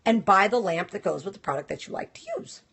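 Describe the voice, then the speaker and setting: A woman's voice: medium pitch, expressive, fast talker, gravelly, a bit bright, slightly rough. A woman hosting a casual live stream, talking directly and chattily to viewers while reacting to their comments. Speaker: host of a nail industry live stream.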